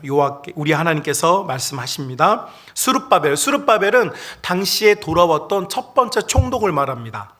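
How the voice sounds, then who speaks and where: A man preaching a Sunday sermon as a pastor, his voice pitched high and swooping widely up and down. He talks to the congregation directly and keeps throwing rhetorical questions at them. The delivery stays animated and conversational. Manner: addresses the congregation directly and often.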